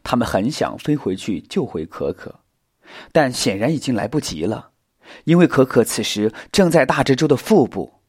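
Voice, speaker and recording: Lively husky male storyteller. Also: mid-range voice, moderate pace. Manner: expressive, dramatic storytelling. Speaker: author and narrator. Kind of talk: children's storybook narration.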